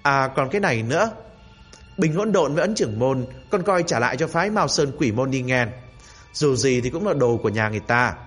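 A man voicing an old great-grandfather spirit, gruff and bantering in a husky voice. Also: medium pitch, lively intonation, brisk, a bit bright, faint music behind.

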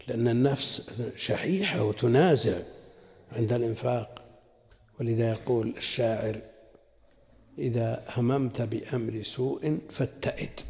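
A man teaching a religious commentary lesson, deliberate and earnest with colloquial asides. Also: medium pitch, creaky, darkish tone. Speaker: sheikh teaching a Quran commentary class. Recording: long hall reverb.

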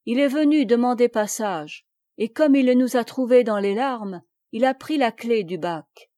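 A woman's voice: on the high side, a little slow, mellow, no room sound, clean studio sound, natural voice. A woman reading aloud as a grieving peasant woman who answers in a subdued way.

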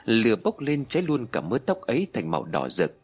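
A man narrating a horror story in a dramatic, expressive way. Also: medium pitch, fairly quick, slightly rough.

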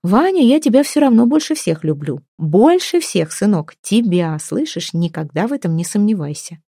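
A woman reading aloud, voicing a warm, flustered middle-aged mother who soothes her family. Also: mid-range voice, big pitch swings, normal speed, slightly rough, no echo, studio quality.

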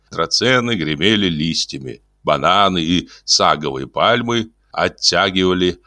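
Male audiobook narrator, lively expressive reading, dry close sound. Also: low voice, dry recording. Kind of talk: scripted narration.

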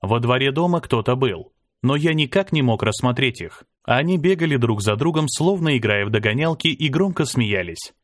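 A man with a mid-pitched voice narrates a first-person fantasy audiobook at normal speed with lively intonation. His reading is dramatic, rising in pitch and volume for the shouted battle cries. The recording is dry and close, with no room sound.

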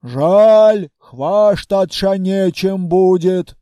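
Casting: a man playing a dim, eager orc warrior, slow and blunt, dry close sound. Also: sits high, mellow, no echo, lo-fi sound. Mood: disappointed. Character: simple-minded orc general, gruff and battle-eager.

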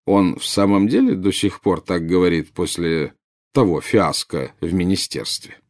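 In a storybook reading, a man voices a calculating male double agent, speaking in a low, silky, unhurried way that stays cool and controlled. Each reply is measured and quietly condescending, with an animated edge and a cold, silky mood.

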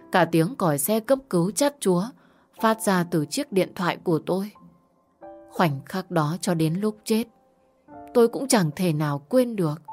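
Soft-voiced woman narrating a sad story. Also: lowish voice. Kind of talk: first-person audio story narration.

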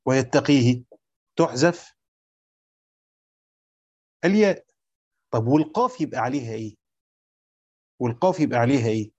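A man's voice: medium pitch, animated, moderate pace, long pauses, dark tone, breathy edge. Egyptian man teaching, dull lo-fi recording. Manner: explains step by step, quizzing listeners with repeated questions. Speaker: Quran commentary teacher. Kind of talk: classroom lecture on Quran exegesis.

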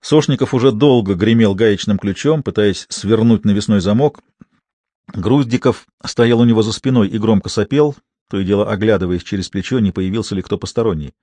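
Husky male audiobook narrator. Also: lowish voice, brisk, warm tone, no room sound. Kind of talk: scripted narration.

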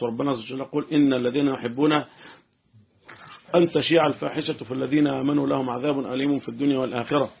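A man's voice: medium pitch, creaky, breathy edge. A man with an Egyptian Arabic accent teaching an informal religious lesson, often checking that his listeners follow. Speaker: sheikh teaching Quran commentary. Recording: tinny phone-like lo-fi recording.

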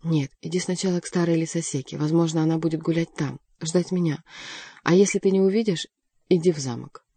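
A woman's voice: low voice, brisk, mellow, breathy edge, dry recording. A woman reading the part of an impassioned young nobleman who speaks urgently.

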